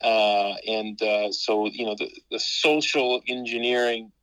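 A man in his fifties talks as a guest in a casual interview, with a lowish voice. He hesitates a lot and restarts his sentences. The recording is dry and close. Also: flat delivery, measured pace, fairly bright tone, smooth, dry recording, poor audio. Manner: hesitant, many fillers and restarts. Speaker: podcast guest.

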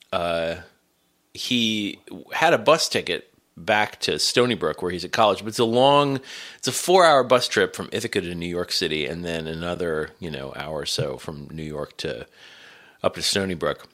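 A middle-aged man with a gravelly, congested voice from a cold, chatting casually and hesitantly as a podcast host. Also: low-pitched, fairly bright tone. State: has a cold.

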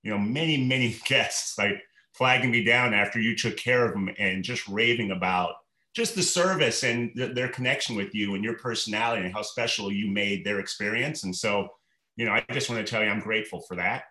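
A man in his forties, a restaurant manager guesting on a podcast, talking in a rambling, relaxed way full of fillers and restarts. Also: lowish voice, fairly quick, echoey room. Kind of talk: relaxed conversational interview.

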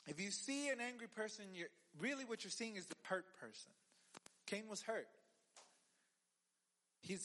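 A man preaching a sermon to young listeners, animated and acting out the lines he quotes. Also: high-pitched.

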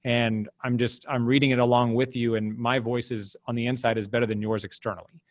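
A man speaking as a podcast guest, emphatic and animated, his pitch jumping up when he drives a point home. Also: brisk, dry recording. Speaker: guest, business development director. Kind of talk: casual podcast interview.

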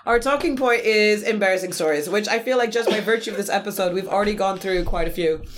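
A woman co-hosts a relaxed podcast, chatting playfully and laughing often. Her voice sits in a middle pitch, easygoing and conversational. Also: fast talker. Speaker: podcast co-host. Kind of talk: casual chat.

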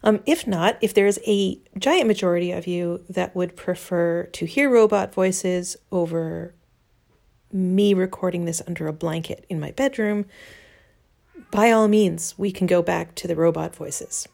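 A woman's voice: fairly low pitch, measured pace, vocal fry, a little mellow. Woman reading her blog under a blanket. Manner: wry, self-deprecating. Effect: close, muffled sound from recording under a blanket. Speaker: blogger. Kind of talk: reading her own blog post aloud, then casual chat.

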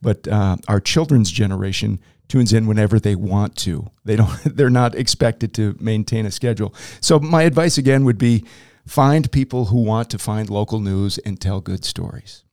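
Deep-voiced middle-aged man, dry sound. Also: darkish tone, no echo. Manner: measured broadcaster delivery with filler pauses. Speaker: podcast guest, TV news anchor. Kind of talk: casual interview.

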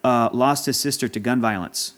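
A man's voice: medium pitch, moderate pace, fairly bright tone. A man in casual chat as a podcast guest, talking in a passionate, rambling and emotional way. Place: Los Angeles area.

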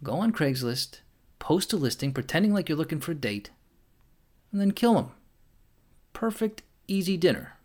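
A man's voice: a little high, sing-song, moderate pace, long pauses, darkish tone. A man playing a callous, nagging vampire housemate in scripted comic dialogue. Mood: bossy, exasperated. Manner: nagging, blunt.

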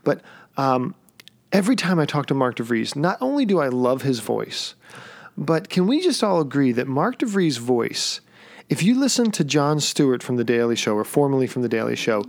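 A man's voice: mid-range voice, sing-song, normal speed, creaky. A man co-hosting a podcast in a playful, teasing chat, laughing often. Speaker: podcast co-host. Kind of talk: casual joking chat.

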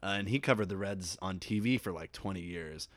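A man's voice: deep voice, fairly quick, no echo. A man from the Cincinnati area, a podcast guest chatting casually and laughing often as he tells stories. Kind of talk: casual chat.

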